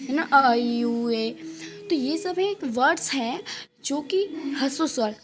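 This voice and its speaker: A woman with a high voice teaches a grammar lesson at an easy pace, going over each point again and putting quick questions to the listener. She drops English words into her explanations, and faint music plays behind her. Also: a little mellow. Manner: repeats points and quizzes the listener.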